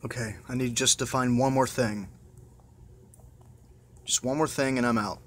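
A man with a steady, mid-range voice mutters casual let's-play commentary on a horror game at normal speed. He's exasperated and swears plenty, captured in a noisy amateur phone screen recording.

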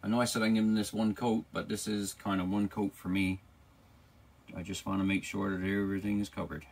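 Gravelly man chatting to camera. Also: fairly low pitch, level tone, brisk. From Newfoundland, Canada. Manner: chatty, joking, talks straight to the viewer. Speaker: DIY motorcycle vlogger. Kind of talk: casual how-to narration to camera.

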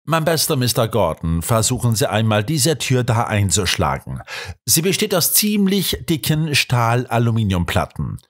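A man voicing a calm, mildly mocking male doctor, the detective's friend. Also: mid-range voice, normal speed. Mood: amused.

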